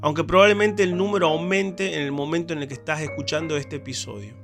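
A man hosting and narrating a documentary podcast in a measured, grave storytelling tone. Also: fairly high pitch. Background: guitar music.

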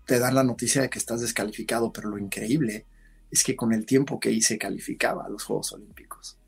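A man, a podcast guest, telling a story in casual conversation, animated and acting out what others said. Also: fairly low pitch, fairly quick, gravelly, slightly rough, soft background music. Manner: animated storyteller, acts out shouted quotes.

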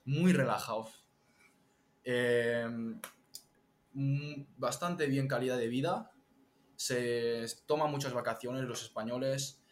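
A young man from Spain, a TikTok strategist, chatting as an interview guest and explaining things lively with examples. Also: medium pitch, slow pace, long pauses, slight background noise. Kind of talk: casual interview chat. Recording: echoey room.

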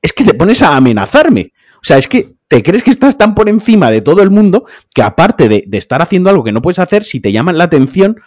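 A man's voice: high-pitched, very animated, brisk, darkish tone, no echo. A man telling a story in casual podcast chat, blunt and heated, dry close mic.

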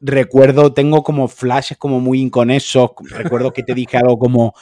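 Spanish dude co-hosting, chatty, laughs a lot, dry close sound. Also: male voice, mid-range voice, little pitch movement, normal speed, warm tone, dry recording. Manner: chatty storyteller, laughs easily. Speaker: podcast co-host. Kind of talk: casual podcast chat.

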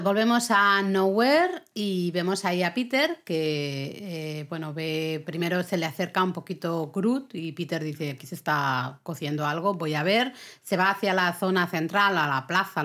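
Chatty woman retelling a film scene. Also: fairly low pitch. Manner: animated retelling with quick asides. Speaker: podcast co-host. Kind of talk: casual film review chat.

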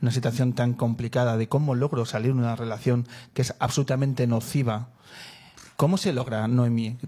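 A man hosts a radio interview, his voice at a middle pitch. He asks long questions in a measured way, pausing on fillers as he reaches for the right words. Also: darkish tone.

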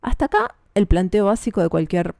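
A woman reading a scripted column about classic romantic comedies in a measured, explanatory way. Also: medium pitch, big pitch swings, vocal fry, darkish tone, dry recording, studio quality. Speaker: film columnist. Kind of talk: scripted narration.

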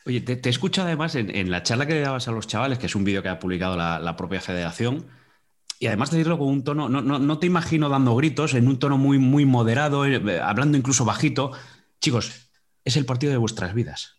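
A man's voice: mid-range voice, animated, quick pace. A man interviewing a football coach, a sports journalist asking long questions that stumble and repeat themselves.

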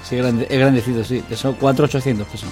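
A man hosting a comedy sketch, playing a new father who greets friends and hushes them so the baby can sleep. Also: mid-range voice, fast talker, faint music behind. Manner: lively, playful, hushing guests. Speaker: host.

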